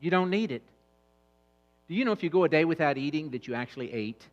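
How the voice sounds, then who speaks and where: A middle-aged man giving a humorous, animated church talk on eating habits, swinging between quiet asides and loud bursts. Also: fairly high pitch, fast, dull audio. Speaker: fitness trainer speaking at church. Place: church hall.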